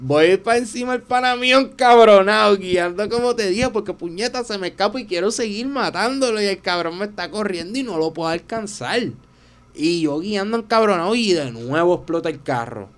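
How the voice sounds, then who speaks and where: A man with a Puerto Rican accent, hosting a casual chat and telling animated, profane stories. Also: high-pitched, a little fast. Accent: Puerto Rican Spanish. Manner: animated, profane, acts out his own anecdotes. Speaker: podcast host.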